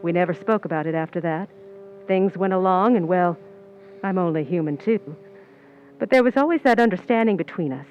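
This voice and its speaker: In an amateur community-playhouse radio play, an actress voices a cool, ambitious, scheming young Hollywood stand-in, narrating in first person with a hard-boiled, knowing delivery in the style of old-time radio suspense. Her voice sits on the low side and fairly natural, moving a little fast. The recording is muffled, with slight background noise.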